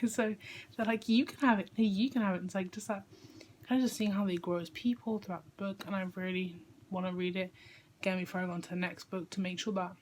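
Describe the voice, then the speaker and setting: A woman's voice: mid-range voice, slight background noise. A young woman talking casually to camera about books, rambling with lots of fillers and restarts. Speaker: book vlogger. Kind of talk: casual chat.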